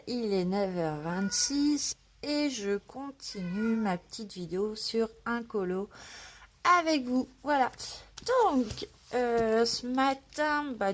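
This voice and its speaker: A woman's voice: on the high side, a little hiss or hum. A woman vlogging casually from home about her coloring, just woken up, talking hesitantly with lots of fillers. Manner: hesitant, many fillers, chatty. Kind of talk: casual vlog chat. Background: cat meowing.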